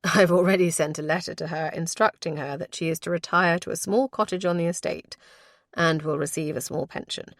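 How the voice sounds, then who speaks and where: A woman voicing an affectionate young lord, speaking low, wry and murmuring to his new wife. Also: steady tone, brisk, no room sound, studio quality, close to an everyday voice. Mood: tender.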